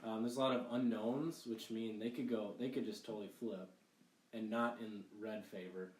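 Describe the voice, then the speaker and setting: A young man co-hosting a podcast, chatting about politics in a halting way with many restarts. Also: fairly low pitch, fairly even intonation, recorded from a distance. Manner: halting, full of restarts and fillers. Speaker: podcast co-host. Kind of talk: casual political chat. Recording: echoey room, a bit off mic.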